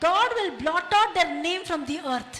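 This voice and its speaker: A woman interpreting a sermon into English line by line, in plain, halting phrasing. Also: very high voice, pushed and bright. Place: church hall.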